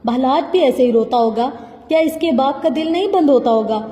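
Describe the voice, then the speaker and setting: A woman's voice: high-pitched, animated, warm tone. A woman reading a novel aloud as a first-person narrator, intense and heartfelt, in an echoey room with a long reverb. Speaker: audiobook narrator.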